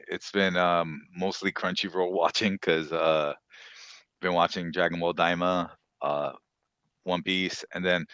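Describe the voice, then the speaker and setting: Deep voiced guy podcast host, bright punchy tone, rambles a lot, dry sound. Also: no echo, lo-fi sound. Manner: rambling, swearing, many "you know" asides. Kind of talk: casual chat about games and shows.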